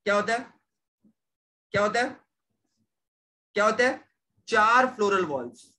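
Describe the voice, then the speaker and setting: A man's voice: sits high, animated, measured pace, bright, forceful tone. A young man teaching a science class, repeating questions to his students and mixing in English terms. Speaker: science tutor. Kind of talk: online class lecture.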